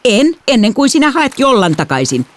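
A woman voicing a hot-tempered teenager in an audiobook, yelling impatiently. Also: medium pitch, wildly swooping pitch, a little hiss or hum, pitched above the performer's own voice. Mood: angry.

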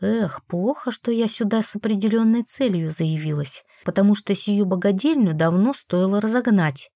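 A woman's voice: medium pitch, normal speed, dark tone, dry recording, studio quality. A woman reading a first-person fantasy story aloud with wry, sarcastic narration. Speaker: audiobook narrator.

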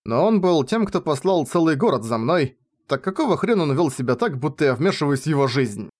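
A man narrates a first-person novel as an audiobook reader. His voice sits a little high and moves with lively, expressive intonation. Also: brisk.

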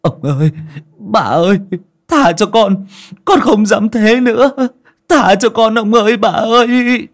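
A man's voice: high-pitched, animated, takes it slowly, voice pushed up. A man voicing a terrified young male servant who stammers and begs for mercy. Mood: terrified pleading. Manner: stammering, pleading, whimpering.

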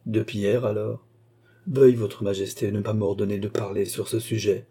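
A man's voice: fairly low pitch, level tone, moderate pace, warm tone, breathy edge. A man reading aloud voices a proud young noblewoman who speaks coldly and firmly. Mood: resolute. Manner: cold, resolute, bitter.

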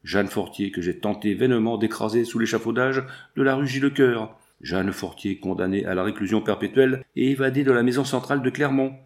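A man's voice: mid-range voice, brisk, few pauses, close to an everyday voice. A man reading as a gloating villain. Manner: taunting, gloating. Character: scheming male villain, gloating blackmailer.

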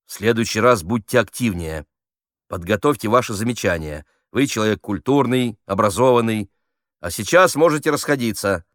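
A man's voice: on the low side, expressive, moderate pace, dry recording, studio quality, voice pushed up, natural voice. A man reading aloud, voicing a pompous army officer who barks orders while directing amateur actors. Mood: commanding. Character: bossy fussy male army officer directing a play.

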